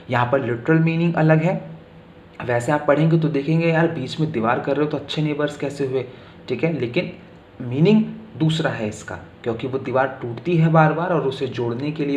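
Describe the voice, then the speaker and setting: Slow, deliberate male lecturer in an echoey room. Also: mid-range voice, slight background noise. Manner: reads English definitions slowly, then explains them in Hindi. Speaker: literature teacher. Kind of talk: lecture explaining literary terms.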